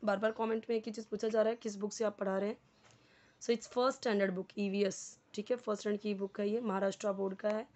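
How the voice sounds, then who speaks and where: Indian lady teacher going over english words slow, switches into quick hindi to explain, repeats stuff a lot. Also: mid-range voice, flat delivery, darkish tone. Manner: explains word by word, repeating for learners. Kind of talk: bilingual English lesson, Hindi-English mix.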